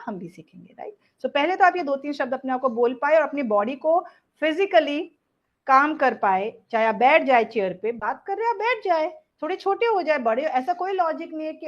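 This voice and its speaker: A woman leading a parenting workshop, mixing Hindi and English and often asking "right?". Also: high voice. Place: workshop room with an audience. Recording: dull lo-fi recording.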